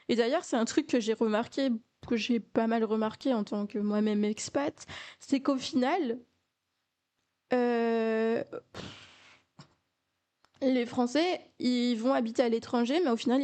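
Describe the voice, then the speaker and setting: A woman's voice: on the high side, darkish tone. A young woman from France telling a casual storytime, chatty, with many fillers and repeated words.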